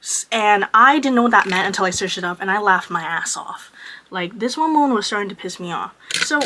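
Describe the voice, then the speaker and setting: A woman aged twenty-one telling a story in a casual vlog while doing her makeup. She talks in an animated, profane way with lots of filler words. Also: mid-range voice, brisk, background noise. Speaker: vlogger. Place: at home doing makeup on camera.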